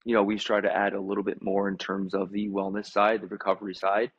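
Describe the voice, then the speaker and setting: A gym owner in his forties with an American accent tells stories casually as a podcast guest, full of fillers and animated, acted-out quotes. His voice is fairly low, quick, and husky, heard in a dry recording with dull lo-fi sound.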